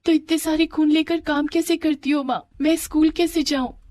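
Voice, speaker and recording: A woman voicing a gentle, poor schoolgirl who speaks softly and pleadingly. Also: sits high, fairly even intonation, normal speed, no room sound, studio quality, voice pushed up, lightly acted. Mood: earnest. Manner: soft, pleading, pained.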